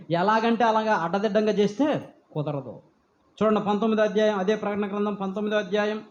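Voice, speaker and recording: A man preaching a sermon in a strikingly high voice. He fires question after question at his listeners and stretches each scripture line out slowly. The sound is roomy and muffled, like a lo-fi recording. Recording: echoey, dull lo-fi sound.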